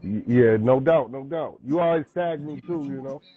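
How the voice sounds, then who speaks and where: A man's voice: medium pitch, moderate pace. Laid-back Upstate man on a tinny phone line. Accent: Upstate New York. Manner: laid-back, brief agreeing replies. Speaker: rapper and guest. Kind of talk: casual interview chat.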